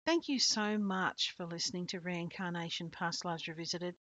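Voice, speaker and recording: A woman podcast host narrating a story in a steady, earnest reading voice. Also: on the low side, dry recording. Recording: dull lo-fi dry recording.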